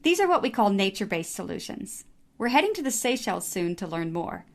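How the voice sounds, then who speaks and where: A woman from the American Great Lakes region co-hosting a podcast, delivering a clear friendly scripted introduction. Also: medium pitch, very animated, a little fast. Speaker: podcast co-host.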